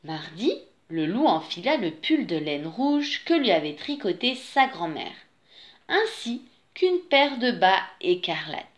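Female storyteller for a children's book, unhurried delivery with a lively, sing-song voice. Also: mid-range voice. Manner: slow, expressive read-aloud. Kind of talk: reading a children's picture book aloud.

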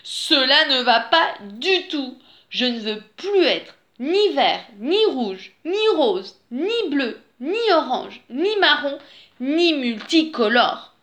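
A woman's voice: expressive, slow, few pauses. A woman voicing a big, fussy male wolf who keeps exclaiming in exasperation. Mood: exasperated. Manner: exasperated exclaiming, high and loud.

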